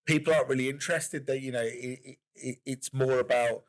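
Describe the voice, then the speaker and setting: A man's voice: mid-range voice, fairly even intonation, brisk. Musing man, casual chat. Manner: musing, hedging with lots of "like", wry humor. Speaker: podcast co-host.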